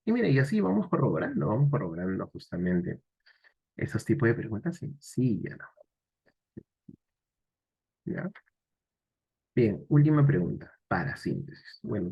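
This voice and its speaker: A man's voice: on the low side, gravelly, husky. A man who teaches language and walks through exam answers, explaining step by step and often adding rhetorical asides. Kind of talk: exam solution walkthrough. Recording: dull lo-fi recording.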